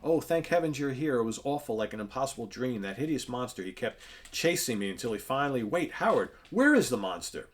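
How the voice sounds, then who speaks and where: A man's voice: medium pitch, sing-song, a little fast, pitched above the performer's own voice, natural voice. A man reading out the lines of a frightened young woman from a comic, in a melodramatic way. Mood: relieved.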